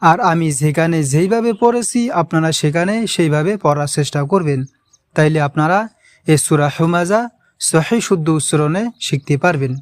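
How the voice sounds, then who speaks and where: A man leads a patient pronunciation lesson and stretches out every word as he repeats it. His voice sits high and comes through smooth and clear. The recording is dry and close. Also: moderate pace, no room sound. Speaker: Quran recitation teacher.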